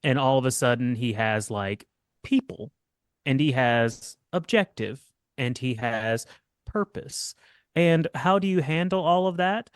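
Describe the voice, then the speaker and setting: A man's voice: mid-range voice, animated, measured pace, clear, resonant tone, dry recording, clean studio sound. Joking, rambling man at the gaming table. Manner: joking, rambling, self-deprecating. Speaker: player. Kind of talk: casual chat about his character.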